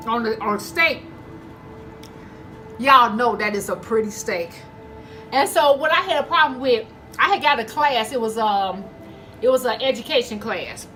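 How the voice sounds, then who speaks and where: A woman with a voice on the high side, a bit bright, talks on a low-quality recording with some hiss or hum. Between bites, this mukbang vlogger tells her viewers stories in a conversational way, addressing them as y'all and playing out bits of dialogue.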